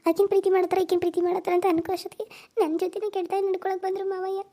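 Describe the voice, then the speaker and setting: A woman's voice: extremely high pitch, level tone, rapid-fire, warm tone. A woman voicing a tearful, frightened young woman in a cartoon serial. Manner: tearful pleading.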